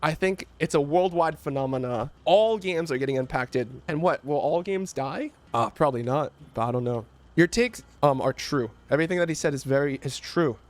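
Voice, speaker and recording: A man reacting to a video in casual, animated commentary, rambling and swearing as he tells stories. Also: fairly high pitch, a little fast.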